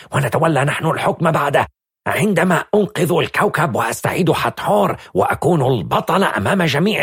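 A man voicing an agitated, scheming male intelligence officer in an audiobook, husky and indignant. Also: a little high, fairly bright tone, no room sound, clean studio sound, voice pushed up, exaggerated voice. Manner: pleading, indignant outbursts. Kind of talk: audiobook character voice.

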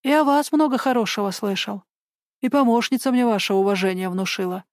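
A woman's voice: fairly high pitch, fairly quick, a little mellow, dry recording, studio quality, close to an everyday voice. A woman voicing a nervous, fidgety older male pensioner in an audiobook, jittery and self-important. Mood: fussy. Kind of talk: audiobook character voice.

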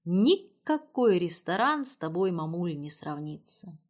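A woman's voice: on the low side, very animated, a little slow, a little mellow. A woman reading the part of an impatient, sardonic young woman in an audiobook. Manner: sardonic, irritable.

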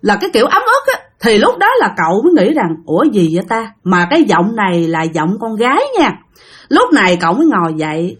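Woman, husky voice, lively animated delivery, chatty ghost-story narration. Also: fairly high pitch. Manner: chatty, addresses listeners directly.

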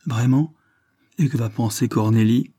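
A man's voice: medium pitch, a little slow, warm tone, lightly acted. A man voicing a tender, emotional young woman in a storybook reading, in a slightly raised, earnest tone.

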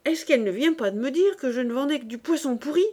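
Woman voicing a shrill, indignant fishwife, loud, audiobook. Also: expressive, fast talker. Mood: furious. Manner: shouting, indignant.

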